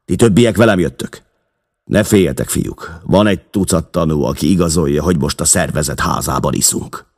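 Brief: a cruel gang boss in a storybook reading, barking orders in a low, gravelly voice read by a man. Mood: commanding. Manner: commanding. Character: brutal male gang leader, cruel and bossy.

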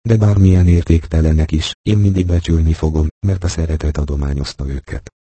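A man voicing a loyal, good-humoured soldier with a gruff, wry way of talking. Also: a bass voice, fairly even intonation, dark tone, dry recording.

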